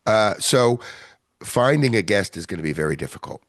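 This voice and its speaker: A man hosting a podcast in casual chat, rambling and self-deprecating, with a gravelly voice. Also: fairly low pitch, lively intonation, moderate pace, no echo, studio quality. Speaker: podcast host.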